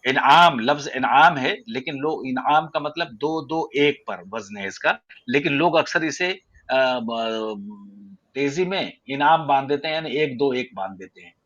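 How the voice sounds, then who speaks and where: A man from central India with an Indian Urdu accent, teaching poetic meter in an online audio class, measured and explanatory with frequent hesitations. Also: mid-range voice, a bit bright, dry recording, highs cut off. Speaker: poetry teacher. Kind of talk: prosody lesson in an online audio room.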